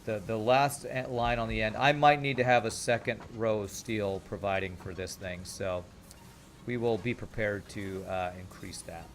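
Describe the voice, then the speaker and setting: A gaming channel host with a lowish voice and fairly even intonation talks at a moderate pace, with slight noise in the background. Californian by birth but raised in Texas from age nine, he has a mild twang and casually narrates his gameplay, thinking aloud and muttering asides.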